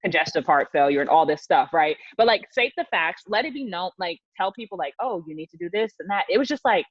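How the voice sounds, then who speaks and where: A woman's voice: on the low side, animated, brisk, breathy edge, no echo, muffled recording. A woman co-hosting a casual podcast chat, explaining things at length and often checking in with "right?". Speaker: podcast co-host.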